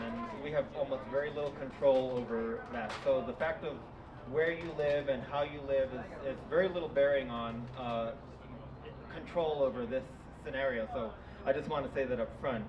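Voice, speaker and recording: A man's voice: mid-range voice, fairly even intonation, normal speed, a crowd in the background. A man from New York City giving a casual live talk, loose and self-deprecating, leaning on his notes. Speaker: guest speaker. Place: live event venue. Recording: dull, distant, echoey, noisy hall.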